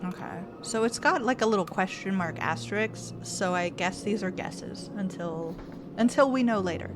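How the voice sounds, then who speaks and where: With lively intonation and a medium pitch, a woman streamer talks at a normal speed while playing. She reads text off the screen and muses aloud in casual let's-play style, game music running underneath.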